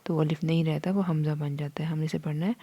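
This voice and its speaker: Patient female tutor, mellow low voice, slow steady drills. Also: breathy edge. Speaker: Quran reading teacher. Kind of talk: online lesson.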